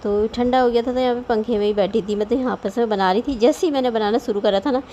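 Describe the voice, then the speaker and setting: A woman's voice: on the high side, quick pace, mellow, slight background noise. A woman in her thirties chatting at home about her day and her cooking, rambling and homely. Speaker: vlogger. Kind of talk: casual voice-over cooking vlog.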